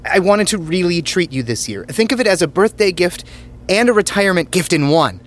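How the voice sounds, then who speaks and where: An actor playing an eager, affectionate grown son, a little flustered. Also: male voice, high-pitched, expressive, brisk, a little hiss or hum. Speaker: son and husband.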